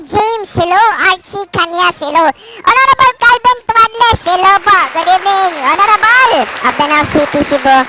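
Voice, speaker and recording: A woman co-hosting an online variety show, giving playful, giggly shout-outs and raffle announcements. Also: very high voice, animated, moderate pace, hardly any pauses, heavy background noise. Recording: loud background music.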